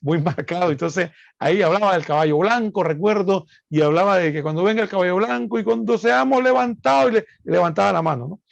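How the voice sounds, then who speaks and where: A man, co-hosting a casual chat and pausing often with hesitant fillers. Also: sits high, gravelly, dry recording, dull audio. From Panama. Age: 50s. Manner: conversational, hesitant with many "eh" fillers. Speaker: co-host.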